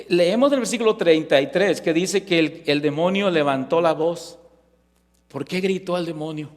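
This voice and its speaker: Man preaching in church, kinda high voice, lots of rhetorical questions, big echoey hall sound. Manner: emphatic, rhetorical questions, frequent "ok?" check-ins. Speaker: pastor. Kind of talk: sermon.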